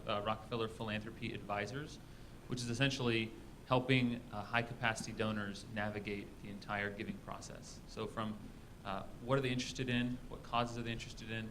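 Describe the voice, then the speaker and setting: A man from Texas introducing himself on a panel, measured and dotted with uhs. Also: fairly low pitch, little pitch movement, sharp tone, slight background noise. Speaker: panelist, philanthropic advisor.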